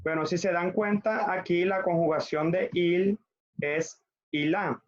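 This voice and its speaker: Higher-pitched Colombian man teaching French. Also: steady tone, a little slow, highs cut off. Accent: Colombian Spanish. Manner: patient, drills conjugations with students repeating. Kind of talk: classroom lesson over video.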